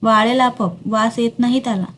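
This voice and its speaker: A woman's voice: fairly high pitch, fairly even intonation, moderate pace, a little hiss or hum, lightly acted. Woman reading as a teasing young royal lady.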